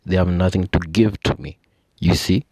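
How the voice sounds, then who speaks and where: A man's voice: low voice, fairly even intonation, normal speed, background noise. A young adult man with a Kenyan accent, hosting a casual monologue, explaining ideas with frequent "you know" and "I think" asides. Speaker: podcast host.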